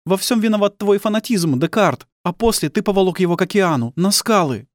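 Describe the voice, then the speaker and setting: A cold, bitter wife and grieving mother, icy and accusing, voiced by a man high above his own voice. Her words swing up and down as she presses blame on her husband. The audiobook recording is dry and close. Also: lively intonation, a little fast, no echo.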